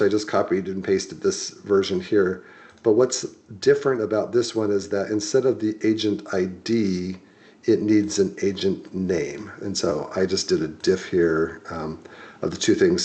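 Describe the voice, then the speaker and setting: A man giving a relaxed screen-share coding walkthrough as a tutorial instructor, talking with many ums and restarts. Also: fairly low pitch.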